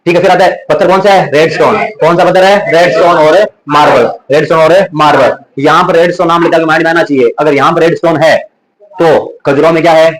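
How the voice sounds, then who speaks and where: A man's voice: on the high side, fairly even intonation, fast talker, poor audio. A young man with a Rajasthani accent teaching an exam revision lesson, drilling facts by asking and answering the same questions again and again, with chatty story asides. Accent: Rajasthani Hindi. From Rajasthan, India.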